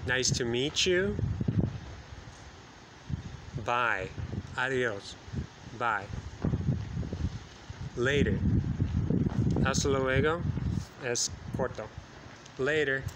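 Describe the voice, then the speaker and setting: A man in his thirties, from the United States, teaches in a very slow, deliberate way, repeating each phrase for learners. He records on a phone held at arm's length, outdoors at night. Loud wind and street noise roar around him. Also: mid-range voice, lively intonation. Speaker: English teacher. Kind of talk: slow bilingual phone-video lesson.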